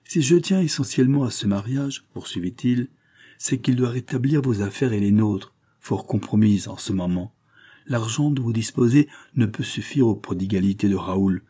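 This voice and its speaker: A man's voice: mid-range voice, mellow, pitched above the performer's own voice. A man reading as a scheming cold marquis. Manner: smooth, controlled, threatening. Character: cold, scheming aristocratic man, coolly menacing.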